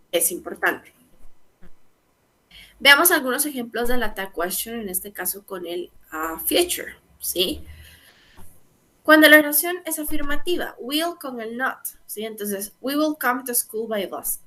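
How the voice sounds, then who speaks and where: A woman's voice: on the high side, bright, forceful tone. A young woman teaching an English grammar lesson, explaining patiently step by step and often checking in with her students.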